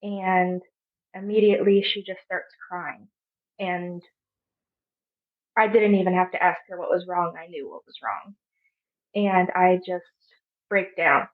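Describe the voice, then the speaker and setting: Young woman, 20s, from Arizona, soft halting storyteller, narrow phone-like audio. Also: fairly low pitch, fairly even intonation. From Arizona, USA. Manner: soft, halting, with frequent pauses. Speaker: podcast guest. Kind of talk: personal storytelling.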